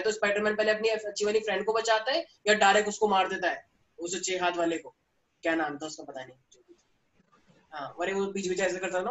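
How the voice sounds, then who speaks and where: A man's voice: high voice, a bit bright. A male teacher giving an online class, teasing his students and explaining through stories. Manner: playful, teasing, storytelling with students. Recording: echoey room, voice from a distance.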